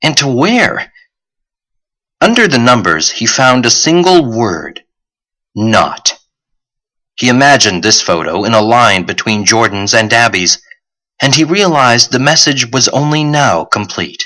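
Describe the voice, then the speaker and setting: A man narrating a young-adult novel audiobook in a steady, clear storytelling manner. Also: medium pitch, moderate pace, poor audio. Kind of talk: scripted narration.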